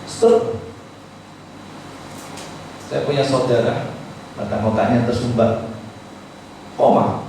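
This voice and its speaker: Animated male preacher in echoey hall. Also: medium pitch, slow, long pauses. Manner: animated preaching, quoting pleading voices, swings between loud and hushed. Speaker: pastor. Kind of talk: sermon. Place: church hall. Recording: very echoey church with faint background noise.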